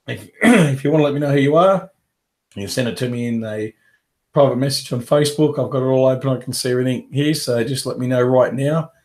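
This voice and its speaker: Despite a head cold and a fading voice, the carpet cleaning business coach talks a little fast in a medium-pitched voice. He rambles casually through a live webinar Q&A from his home office, often using fillers and restarting sentences.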